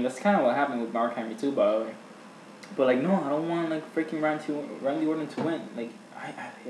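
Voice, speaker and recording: Young male vlogger, mid-pitched, opinionated and rambling; echoey room with faint hiss. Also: a little mellow. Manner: rambling, filler-heavy, blunt and opinionated. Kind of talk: casual opinion rant to camera.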